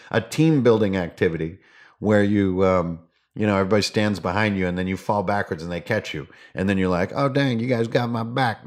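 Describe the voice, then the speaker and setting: A man's voice: on the low side, a little mellow. A man hosting a casual gaming podcast, rambling along in a playful, theatrical, slangy way. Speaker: podcast host.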